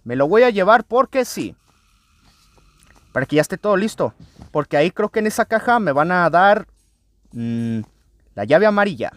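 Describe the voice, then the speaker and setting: An excitable man, hosting a let's play video and talking to his viewers as he plays. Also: high-pitched. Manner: excitable, often addresses viewers as friends. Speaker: gaming channel host.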